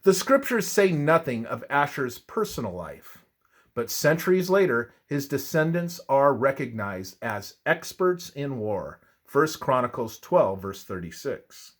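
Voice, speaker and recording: Reading a religious passage from a script, a man uses a husky, mid-pitched voice in a sing-song, preacherly way. The pace stays slow and measured, the tone solemn, and his intonation sweeps broadly up and down.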